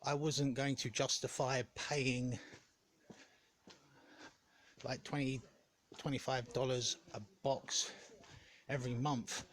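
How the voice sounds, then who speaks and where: A man giving a casual, rambling vlog update in a hesitant, halting way, often correcting himself. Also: medium pitch, level tone, a bit bright. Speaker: gaming content creator.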